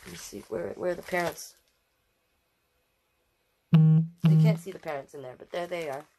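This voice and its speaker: A woman with a low-pitched voice reads a picture book aloud at normal speed as a storytime host, expressive and full of warm, chatty asides and repeated phrases. The recording quality is rough.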